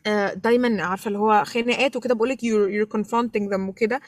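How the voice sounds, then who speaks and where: A woman's voice: mid-range voice, steady tone, fast talker, no room sound. A woman with an Egyptian Arabic accent chatting casually as a podcast co-host, moving between Arabic and English mid-sentence. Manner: mixes English phrases into Arabic. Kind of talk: casual chat.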